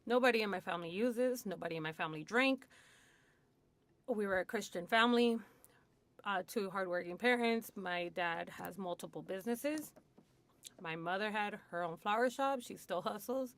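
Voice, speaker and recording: Speaking at normal speed in a mid-range voice with no room sound, a Hollywood woman in recovery shares her story as a radio studio guest. She is chatty, candid and casual, laughs often, and says "like" and "you know" a lot.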